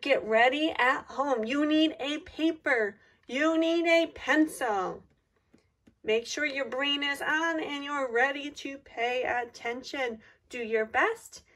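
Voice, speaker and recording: Very slow, high-voiced woman giving school dictation. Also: fairly bright tone. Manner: deliberate, repeats each word, simple instructions for young children. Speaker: teacher giving a spelling test.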